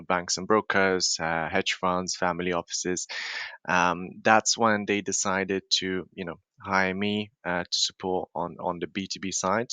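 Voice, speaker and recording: Deep, crisp-voiced man from Lithuania. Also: pushed and bright, dry recording. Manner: measured, with frequent fillers. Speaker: podcast guest, marketing professional. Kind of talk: conversational interview answers.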